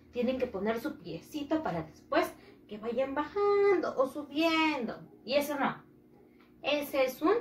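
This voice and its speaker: In a bilingual English lesson for young children, a woman with a high, somewhat bright voice speaks in a reverberant space. She patiently says each phrase in English, then in Spanish, and leads repeat-after-me drills.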